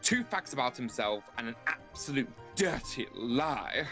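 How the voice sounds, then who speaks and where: Lively, teasing man co-hosting. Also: mid-range voice, unhurried, soft background music. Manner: teasing, deadpan jokes. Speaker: podcast co-host. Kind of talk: casual chat.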